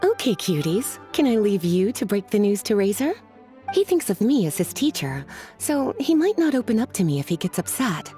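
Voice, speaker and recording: Woman playing mellow, teasing mage Lisa. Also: mid-range voice, very animated, normal speed, faint music behind, natural voice. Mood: gently teasing. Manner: languid, coaxing, teasing endearments. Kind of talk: video game voice acting.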